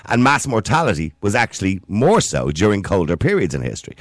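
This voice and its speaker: A low-voiced man in a heated pundit debate, talking fast and insistently over his opponent. His delivery is argumentative, and the recording is close and dry. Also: wildly swooping pitch, dry recording.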